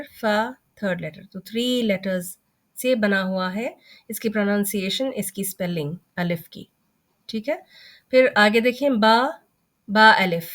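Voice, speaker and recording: A woman's voice: mid-range voice, fairly bright tone. A woman teaching an online recitation lesson, explaining each term patiently and step by step.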